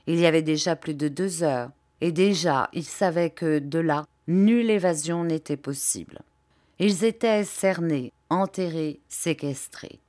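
Audiobook narrator, woman, slightly low voice, measured and expressive delivery. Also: no room sound, studio quality.

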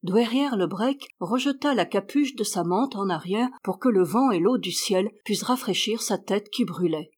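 A woman's voice: lively intonation, normal speed, few pauses, darkish tone, breathy edge. Woman reading a classic novel aloud. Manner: voices characters by rising in pitch and volume. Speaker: audiobook reader. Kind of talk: scripted narration of a classic novel.

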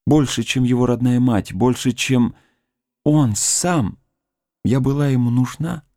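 A man's voice: mid-range voice, a little slow, creaky, warm tone, no echo, studio quality, pitched above the performer's own voice. A man reading the part of a grieving young woman who mourns her dead fiancé, pleading and tearful. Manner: pleading, tearful, rising to cries. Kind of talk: audiobook character reading.

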